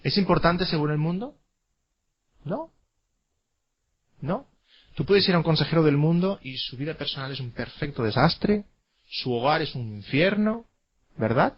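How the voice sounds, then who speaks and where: A man's voice: on the high side, animated, measured pace, pauses often, highs cut off. A man teaching a classroom lecture, emphatic, repeating key words and asking rhetorical questions.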